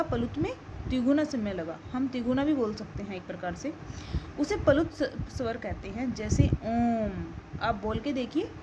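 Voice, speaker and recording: A high-voiced woman teacher walks her students through a grammar lesson, posing questions and answering them herself. The recording carries clear background noise throughout. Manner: explains step by step, asks and answers her own questions. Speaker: school teacher.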